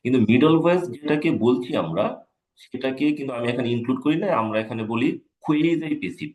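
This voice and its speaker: A man's voice: mid-range voice, lively intonation, fast talker, a little mellow. A man, an English teacher, giving a live exam-prep lecture, repeating key points and checking in with his students. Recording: echoey room.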